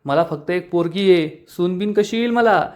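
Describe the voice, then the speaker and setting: Male narrator doing a scolding village aunt, slightly high, cutting and quick. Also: darkish tone, natural voice. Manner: scolding, insulting.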